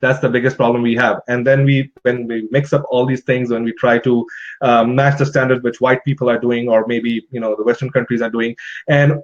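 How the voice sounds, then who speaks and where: Agreeable male host of mid pitch, halting and filler-heavy, on a slightly muffled live stream. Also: little pitch movement. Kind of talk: online talk show interview.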